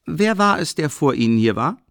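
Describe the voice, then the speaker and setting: A man voicing a boisterous young male student in an audiobook, booming and exclaiming. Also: very animated, moderate pace, creaky, a bit bright, no room sound, studio quality, heavily acted. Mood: hearty, boisterous. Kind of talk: audiobook character reading.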